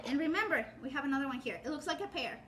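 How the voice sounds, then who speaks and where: A woman's voice: high voice, animated, racing, fairly bright tone, slight background noise. A woman, chatting casually as she shows a cooking technique in her home kitchen, rambling, full of fillers and self-corrections. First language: Spanish. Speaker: home cooking channel host. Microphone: phone or camera set up on the counter, framed from the waist up.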